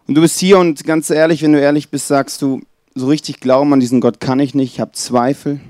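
A man's voice: on the high side, fairly even intonation, no room sound, clean studio sound. A man preaching a Christmas Eve sermon in a church, earnest and speaking straight to his listeners. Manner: earnest, addresses listeners directly; drops to a soft, slow tone when reading scripture.

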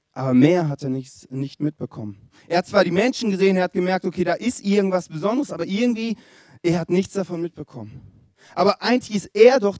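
A young male preacher delivering a sermon in a relaxed, conversational way. His voice sits a little high but sounds warm and mellow. He tells the story loosely and keeps turning to his listeners with questions.

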